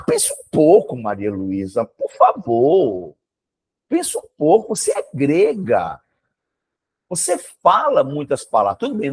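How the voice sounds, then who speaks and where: Over a video call, a man with a Brazilian Portuguese accent gives one student a casual lesson. His medium-pitched voice is husky, and he talks emphatically and with animation, exclaiming and asking rhetorical questions.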